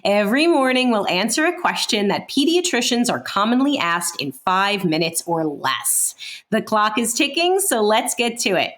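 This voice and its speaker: A woman's voice: medium pitch, big pitch swings, normal speed, a bit bright. An American woman in her thirties from Brooklyn, hosting a podcast in a chatty, upbeat style. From Brooklyn, New York. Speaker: podcast host, public health scientist.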